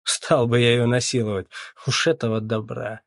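A man's voice: medium pitch, level tone, normal speed, no room sound, clean studio sound, lightly acted. A man reading the part of a cocky young man who turns sullen and defensive. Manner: dismissive, defensive.

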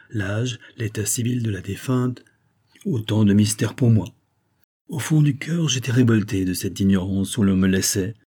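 Guy reading a novel aloud, measured storytelling, dark husky voice. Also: lowish voice. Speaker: audiobook reader. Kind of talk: scripted narration of a novel.

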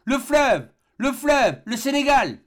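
A man's voice: high voice, expressive, normal speed, husky, voice pushed up, heavily acted. A man voicing an explorer doctor who gives urgent orders during a balloon escape in an audiobook. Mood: jubilant. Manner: urgent, commanding exclamations.

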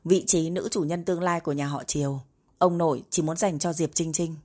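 A woman reading the lines of an aloof young male CEO, calm and terse, in a slightly husky voice. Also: deep voice, brisk. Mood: detached.

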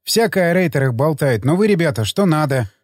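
A man's voice: fairly high pitch, lively intonation, a little fast, no echo, clean studio sound, long reverb tail. A man voicing a shy, earnest young male sniper who stumbles over his words. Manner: hesitant, stumbling.

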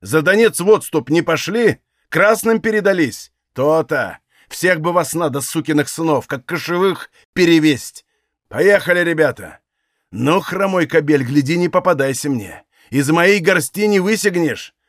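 A man reading aloud, voicing a furious, menacing young Cossack who threatens loudly. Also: on the high side, sing-song, normal speed, no room sound, studio quality. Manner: loud, threatening, snarling.

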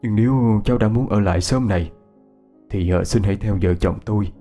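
A man doing a soft-spoken village husband. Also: on the low side, fairly quick, soft background music, lightly acted. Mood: gentle. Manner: soft-spoken, polite, hesitant. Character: kind, humble village husband, middle-aged man.

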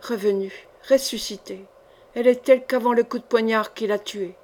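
A woman reading the part of a sinister male poisoner in an audiobook, cold and boastful, in her own slightly high voice. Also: fairly even intonation, normal speed, darkish tone, lightly acted. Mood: murmuring.

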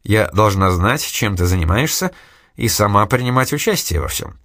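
A man's voice: fairly low pitch, animated, moderate pace, fairly bright tone, no room sound, clean studio sound. A man reading an audiobook, voicing a bold, vengeful young woman with a harsh, commanding manner. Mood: resolute. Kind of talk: audiobook character voice.

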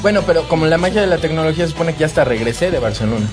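Behind this very fast, expressive talker, music and crowd noise play. He is a Mexican-accented podcast host with a fairly high pitch, trading slangy, profane jokes in a laid-back way.

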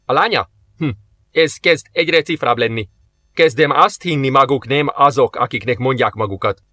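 A man voicing a stern, commanding male first officer in an audiobook, speaking briskly in a dry recording. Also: medium pitch, pushed and bright, no room sound.

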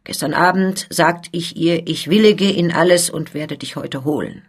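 A woman's voice: deep voice, normal speed, slightly rough. A woman voicing a sly, menacing older male master goldsmith who threatens in a cold, persuasive manner, in a storybook reading. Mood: coaxing.

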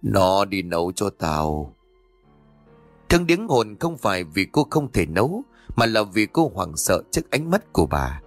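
A man telling a horror story in a scripted, dramatic, expressive way. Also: lowish voice, normal speed, husky, faint music behind.

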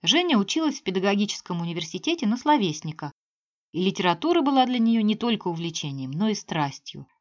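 A woman reading a novel aloud as an audiobook narrator, measured and expressive. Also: mid-range voice. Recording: slightly dull lo-fi sound.

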